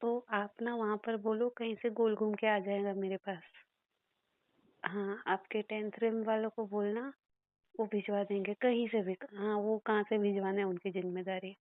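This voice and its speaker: A woman's voice: mid-range voice, flat delivery, moderate pace, no room sound, narrow, tinny audio. A woman giving a psychic reading, relaying messages, chatty and playful and laughing often. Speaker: psychic reader.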